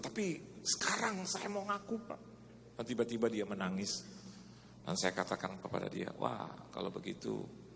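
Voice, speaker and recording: A man's voice: fairly low pitch, vocal fry, slight background noise. A male pastor preaching a sermon, telling a story and acting out both sides of a conversation. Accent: Indonesian. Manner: storytelling, quoting dialogue in changing tones. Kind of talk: sermon with acted-out anecdote. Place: large church hall. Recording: long hall reverb, faint ambience.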